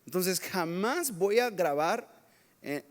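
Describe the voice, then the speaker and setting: A high-pitched male pastor preaching from the pulpit. He tells stories about himself in a lively, self-mocking way. His voice echoes with the long reverb of a church sanctuary. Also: slow pace. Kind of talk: sermon with personal stories.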